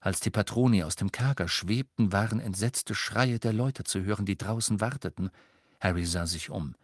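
A man narrating an audiobook in a steady storytelling voice. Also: on the low side, normal speed, no echo, studio quality. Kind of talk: scripted narration.

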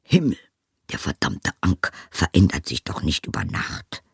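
Guy doing a loud blustery old wizard, boastful, gravelly and husky. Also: deep voice, wildly swooping pitch, a little slow, dry recording, studio quality, heavily acted. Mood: indignant. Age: older. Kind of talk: audiobook character reading.

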